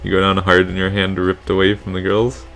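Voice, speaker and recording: A man's voice: low-pitched, monotone, brisk, creaky, fairly bright tone, faint music behind. A man co-hosting a game playthrough, reading the story text aloud with dry, wry asides. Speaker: let's play co-host reading the game text. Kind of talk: narrating a visual novel aloud.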